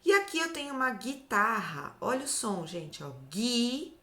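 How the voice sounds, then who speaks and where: A Brazilian Portuguese woman teaching phonics to young children, stretching out syllables slowly and checking in after each point. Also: on the high side, sing-song, pushed and bright, reverberant. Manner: slow, drawn-out syllables, often ends with "tá?". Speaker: literacy teacher. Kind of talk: slow, clear phonics lesson for children.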